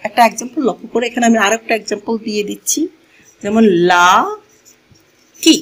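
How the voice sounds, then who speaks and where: A woman teaching a grammar lesson to a class, moving slowly, repeating key words and asking the learners questions as she goes, switching languages mid-sentence. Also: mid-range voice, fairly bright tone, rough recording. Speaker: English teacher. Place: classroom with a board.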